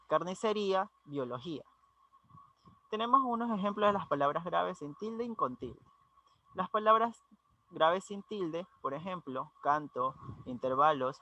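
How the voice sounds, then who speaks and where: A young male student giving a class presentation, reading his notes haltingly and restarting some words. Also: fairly high pitch, bright, forceful tone. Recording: dull lo-fi audio.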